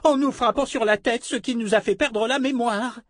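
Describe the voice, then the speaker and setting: A man voicing a prickly, sharp-tongued old man who has lost his memory, testy and sarcastic. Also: very high-pitched, normal speed, no echo, studio quality, pitched above the performer's own voice. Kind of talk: audiobook character voice.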